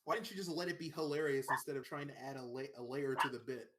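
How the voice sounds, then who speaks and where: A man's voice: mid-range voice, a loud crowd. A man co-hosting a podcast in casual chat over an online voice call, who argues his points and teases the others. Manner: argumentative, quick to explain and tease. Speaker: podcast co-host.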